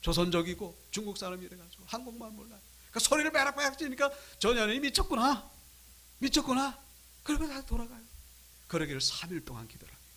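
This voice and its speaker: A male pastor tells a story from the pulpit in a high, lively voice that leaps up and down in pitch. His tone is bright and forceful, and he drops to near whispers before rising again to loud, dramatic peaks. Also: very fast. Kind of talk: sermon storytelling. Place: church sanctuary.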